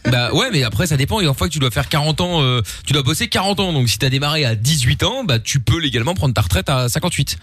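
A man's voice: on the high side, lively intonation, fast, few pauses, a bit bright, no echo, soft background music. A man hosting a late-night call-in radio show, joking casually with lots of fillers.

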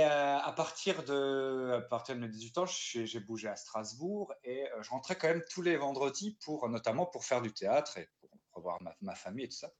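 A man in his thirties from Alsace, a guest in a casual interview, telling stories lively and acting out quoted dialogue, heard over a lo-fi phone line. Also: mid-range voice. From France (Alsace). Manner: lively storyteller who acts out quoted dialogue. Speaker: guest improviser.

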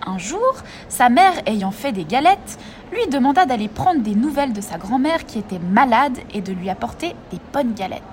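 A woman reading a fairy tale aloud in a measured, expressive storytelling voice. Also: fairly high pitch, a little hiss or hum.

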